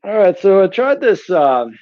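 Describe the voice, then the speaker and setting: Chatting to his livestream audience through a headset mic, this knife sharpening host rambles on while working in his workshop. He has a high voice with big pitch swings, speaks at a measured pace, and the sound is lo-fi.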